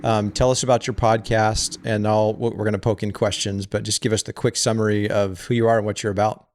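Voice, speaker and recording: A man's voice: fairly low pitch, level tone, a little mellow, no room sound. A man hosting a podcast over a video call, playful and joking with his guest. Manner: playful, joking, quick interjections. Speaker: podcast host. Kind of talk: casual interview hosting.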